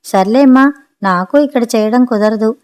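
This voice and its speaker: A woman's voice: on the high side, moderate pace, a little mellow, clean tone, close to an everyday voice. A woman doing a pleading housemaid. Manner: rustic colloquial speech, begging tone. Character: working-class maid, woman, pleading but firm.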